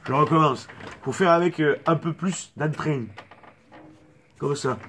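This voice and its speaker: A man's voice: fairly high pitch, normal speed, a bit bright, breathy edge. Playful rambling man, southern French accent. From south of France. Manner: rambling, playful clowning with mock-serious tangents. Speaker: comic vlogger. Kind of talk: absurd improvised comedy monologue.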